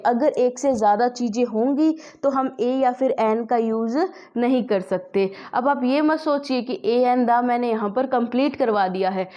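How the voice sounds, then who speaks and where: A woman's voice: a little high, mellow, highs cut off. A woman teaching a spoken English lesson, asking the class questions and answering them herself.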